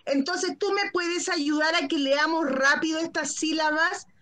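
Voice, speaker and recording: A woman kindergarten teacher, slowly sounding out syllables for small children over a video call and encouraging them patiently. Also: sits high, steady tone, pushed and bright. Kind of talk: online phonics lesson for young children.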